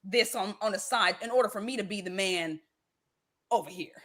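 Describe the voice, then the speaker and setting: A woman co-hosting a casual chat podcast, animated and acting out voices as she talks. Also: mid-range voice, normal speed, a crowd in the background. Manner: animated, acts out quoted voices. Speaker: podcast co-host.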